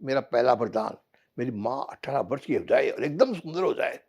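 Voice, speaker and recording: A man's voice: mid-range voice, expressive, normal speed, vocal fry, a little mellow, breathy edge. A man voicing a poor, impulsive young man who calls out urgently in a told parable. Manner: urgent, emphatic calling out.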